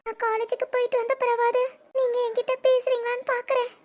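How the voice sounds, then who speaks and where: A woman voicing a young wife and college student in an animated family drama, speaking with a Tirunelveli Tamil accent, soft and pleading. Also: very high voice, fast talker. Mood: wistful. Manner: pleading, tearful, soft-spoken.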